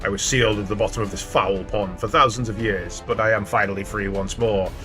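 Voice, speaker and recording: A man voicing an ancient evil sea lord in a video game, with slow, theatrical villain menace. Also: on the low side, steady tone, a bit bright, close to an everyday voice. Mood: menacing, boastful. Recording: music behind the voice.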